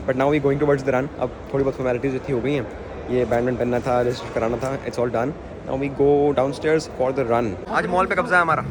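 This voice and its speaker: A young man vlogging to a handheld camera, excitable and mixing Hindi and English as he talks. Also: medium pitch. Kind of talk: casual vlog talk to camera. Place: outdoors at a shopping mall at dawn. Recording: noticeable background noise.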